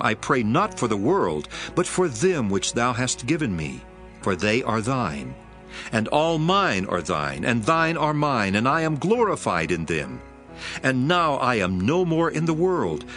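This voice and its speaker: A man playing Jesus, a solemn, tender teacher, in a dramatized scripture reading with earnest, prayerful delivery. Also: medium pitch. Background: background music.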